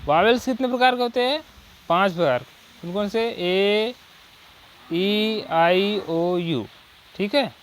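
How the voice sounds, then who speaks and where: A male coaching teacher with a high voice gives a Hindi grammar lesson on English articles. He drills the class with repeated rhetorical questions and "ठीक है," and reads English example sentences slowly.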